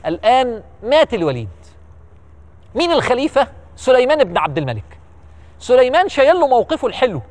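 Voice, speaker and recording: Fast, animated Egyptian storyteller man. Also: very high-pitched. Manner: animated, emphatic, repeats words for effect. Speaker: religious history storyteller. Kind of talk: lively storytelling lecture.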